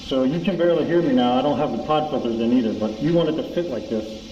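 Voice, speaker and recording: A man speaking through a respirator mask while he fits it, in a plain, relaxed how-to manner. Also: mid-range voice, fast talker, echoey room, in a large hall, muffled recording, a little hiss or hum. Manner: relaxed, plain-spoken, many fillers. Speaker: DIY channel host. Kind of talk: casual how-to demo. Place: home garage.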